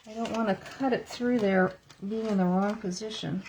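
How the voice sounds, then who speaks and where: A woman's voice: mid-range voice, steady tone, moderate pace, a little mellow, a little hiss or hum. A woman giving a casual card-making tutorial at her craft table, chatty and thinking aloud as she works, recorded through an iPad camera. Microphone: iPad camera on a stand.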